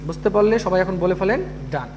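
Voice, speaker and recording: A man's voice: sits high, brisk, background noise. A man teaching an English grammar class, repeating each rule and often checking that students follow. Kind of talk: live online class.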